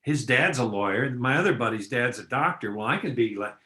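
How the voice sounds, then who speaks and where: A man's voice: mid-range voice, lively intonation, fairly quick, pushed and bright. A man co-hosting a radio talk show, chatty and joking, teasing his friends, a comic who sounds tired. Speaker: co-host, comedian. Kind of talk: casual radio chat.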